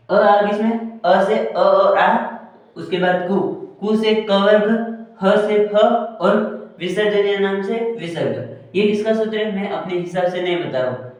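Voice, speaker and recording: A man teaching a grammar lesson, going over each point again and again and answering his own questions. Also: sits high. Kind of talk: Hindi grammar lesson, explaining slowly with repetition. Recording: very echoey room, distant from the mic.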